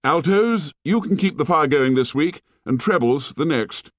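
A man's voice: fairly high pitch, lively intonation, no echo, clean studio sound, voice pushed up. A man doing a bossy boy leader. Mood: commanding. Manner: brisk, commanding.

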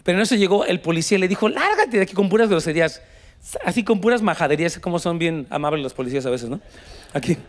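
Mexican pastor guy preaching, high-ish voice, goes spanish to english and back urging the crowd on. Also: fast. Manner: storytelling, switching between Spanish and English, exhorting the congregation. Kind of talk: sermon.

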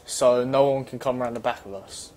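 A young man on a game's voice chat, calling out spots to cover for his squad. His voice sits at a medium pitch. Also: brisk, crowd noise. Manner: calls out positions, from low and calm to yelling when tense. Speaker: gamer. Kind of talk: team voice chat during an online match.

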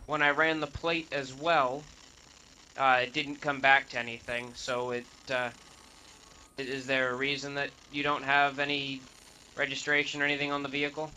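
A man's voice: medium pitch, flat delivery, normal speed, bright, forceful tone, slight background noise, rough recording. A man improvising as a police officer in a role-play game, explaining things matter-of-factly. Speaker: player acting as police officer.

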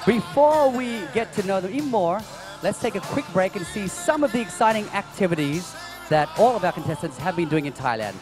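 A man's voice: high-pitched, lively intonation, brisk. A man presenting live on a large stage as a pageant host, with music under his voice. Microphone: handheld microphone.

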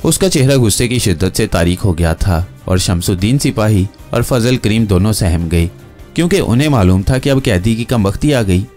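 A man narrates a crime novel with a steady storyteller's delivery, his voice sitting low. Soft music plays faintly behind him. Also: normal speed. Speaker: audiobook narrator.

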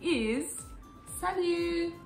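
A young Nigerian woman, a language tutor, explaining basics in a lively, encouraging way. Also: extremely high pitch, extremely slow, echoey room, soft background music. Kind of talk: casual teaching chat.

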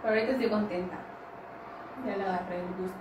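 A woman's voice: medium pitch, fairly even intonation, quick pace. A woman in her twenties with a Mexican accent, bantering casually. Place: indoors, small bare-walled room. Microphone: camera a couple of metres away. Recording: echoey room, distant mic, clear noise.

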